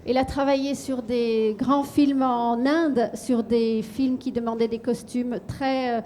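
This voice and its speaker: Higher-pitched woman interpreting, hesitant. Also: steady tone, unhurried, warm tone, a little hiss or hum. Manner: hesitant, many fillers and repeats. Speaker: host and interpreter. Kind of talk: live interpreting at a talk. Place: café event room.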